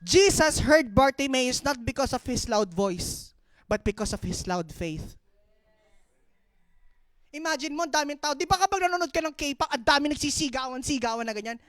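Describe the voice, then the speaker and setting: Woman preacher, Filipino accent, high voice, dry close sound, calls out amen. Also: expressive, moderate pace, no room sound. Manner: mixes English into her preaching, calls out "Amen"; swings from loud exclaiming to near-whispered storytelling. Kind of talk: sermon.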